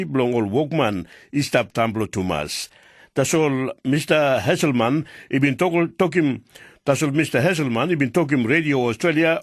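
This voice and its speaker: A man's voice: mid-range voice, dry recording, studio quality. A man with a Papua New Guinean accent reads scripted radio news in pidgin.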